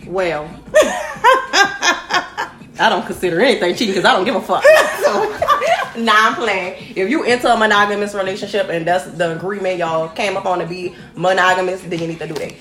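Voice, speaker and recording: A woman's voice: on the low side, quick pace, few pauses, background noise. A woman co-hosting a casual podcast chat, blunt and profane, often laughing as she talks. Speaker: podcast co-host. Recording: roomy echo.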